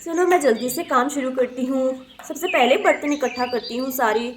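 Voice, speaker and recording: A woman's voice: high-pitched, normal speed, slight background noise, voice pushed down, natural voice. A woman voicing a caring village housewife and mother in a doll story, fussing over the house and the children. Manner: fussing, scolding tone. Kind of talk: doll story play-acting.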